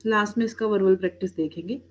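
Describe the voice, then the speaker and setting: A woman teaching a Korean language class online, patiently explaining each word and calling students beta. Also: medium pitch. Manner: patient, addresses students as beta, spells out words slowly.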